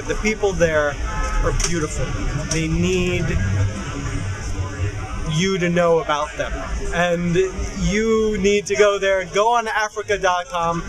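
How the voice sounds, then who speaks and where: A man's voice: high-pitched, poor audio. A man giving a heartfelt promotional testimonial in short, earnest, emphatic phrases.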